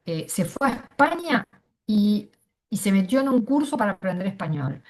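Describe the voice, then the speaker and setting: Argentine woman, middle-aged, panel speaker: thoughtful, halting delivery with restarts. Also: medium pitch, very animated, a little mellow. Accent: Argentine Spanish. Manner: hesitant, many fillers and restarts. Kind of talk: casual personal testimony.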